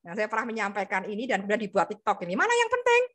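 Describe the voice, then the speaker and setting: A woman psychologist with a Javanese accent gives an interactive online seminar talk over a video call. She quizzes her listeners by name in a lively way. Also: medium pitch, racing. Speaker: psychologist guest speaker.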